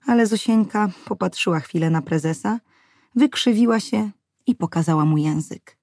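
Woman narrating in a dark, mellow voice. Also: medium pitch, normal speed, dry recording, clean studio sound. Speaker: audiobook narrator. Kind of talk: scripted literary narration.

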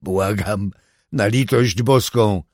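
A resolute father at the edge of death in an audiobook scene, speaking low, quiet and steady, as a male narrator acts him out. Close, dry recording. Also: slow, dry recording. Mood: grave. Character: desperate father facing death, resolute and loving.

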